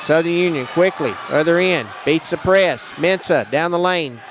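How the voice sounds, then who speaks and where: A man doing live play-by-play commentary on a basketball game, brisk and matter-of-fact, raising his voice on big plays. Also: fairly high pitch, crowd noise, noisy background. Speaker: play-by-play announcer.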